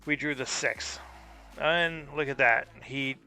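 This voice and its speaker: A man's voice: mid-range voice, slow pace, pushed and bright, soft background music. A man streaming a card game live, thinking aloud and puzzling over his opponent's moves in casual commentary.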